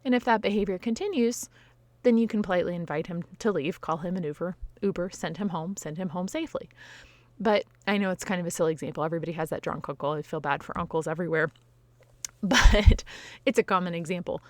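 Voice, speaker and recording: A woman's voice: on the low side, quick pace, dry recording. A woman life coach giving frank, conversational advice straight to her viewers, often tagging her points with "you know" and "right?". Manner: frank, occasionally swears. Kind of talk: direct-to-camera advice talk.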